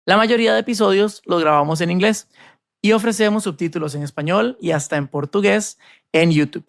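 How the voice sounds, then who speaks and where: Man from Costa Rica hosting a podcast, with a fairly high, gravelly voice and a polished, upbeat read over a dry, close mic. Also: a little fast, no room sound. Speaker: podcast host. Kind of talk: scripted podcast intro and interview.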